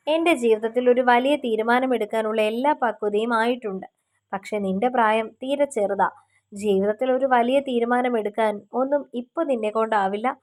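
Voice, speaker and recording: Woman reading as a gentle young lover in a storybook romance, soft and teasing, slightly high. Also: close to an everyday voice. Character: tender young man in love.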